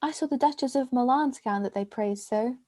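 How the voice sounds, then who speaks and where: A chatty, teasing waiting-woman, read by a woman in an amateur online play reading. Her voice sits high yet sounds soft and mellow, and she rattles through long speeches. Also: a little fast, close to an everyday voice.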